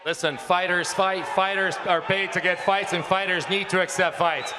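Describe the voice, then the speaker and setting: High-voiced man interpreting in an echoey hall. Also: fairly even intonation, moderate pace. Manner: emphatic, repeats phrases. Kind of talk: press conference interpreting. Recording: echoey hall with background noise.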